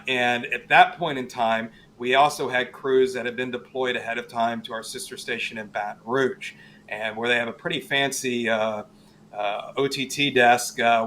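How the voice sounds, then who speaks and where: A man talks as a guest meteorologist in an interview. He explains things in a conversational, halting way, leaning on certain words for emphasis. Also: mid-range voice, steady tone, sharp tone, a little hiss or hum. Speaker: guest, television chief meteorologist.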